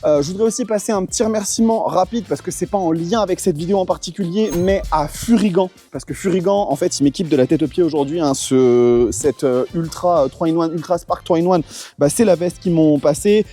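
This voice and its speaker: Young male moto vlogger, higher pitch, mellow tone, relaxed rambling delivery with soft music behind. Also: brisk. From Portugal. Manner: chatty, lots of fillers and thanks to sponsors. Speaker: motorcycle vlogger. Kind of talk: casual moto vlog.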